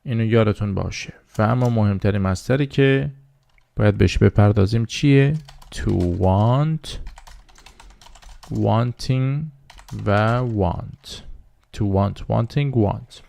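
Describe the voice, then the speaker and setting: Man, language teacher, gravelly, lowish voice, patient repetition. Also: dark tone. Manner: slow drilling repetition of words, patient explaining. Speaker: English teacher. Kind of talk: beginner language lesson.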